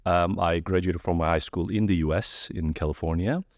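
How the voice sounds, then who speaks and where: A man's voice: low voice, normal speed, no room sound, studio quality. A man from Turkey in his forties, a podcast guest talking in a friendly, casual way about his working life. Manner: friendly, storytelling with animated quoted voices. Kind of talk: casual interview conversation.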